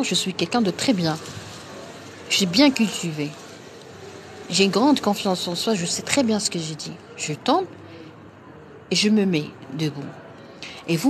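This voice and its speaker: A woman's voice: fairly low pitch, lively intonation, moderate pace, long pauses, slight background noise. A woman from Morocco with a Moroccan accent, talking straight to her live-stream viewers. She is insistent and blunt, hammering her points home with short, repeated phrases, and her voice sounds a little tired. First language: Arabic. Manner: emphatic, forceful, repetitive. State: a bit tired. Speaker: doctor hosting a live stream.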